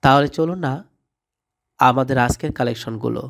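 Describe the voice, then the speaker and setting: A man's voice: medium pitch, normal speed, vocal fry. A man teaching a vocabulary lesson, saying each word and its translation and then repeating the pair. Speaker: language tutor.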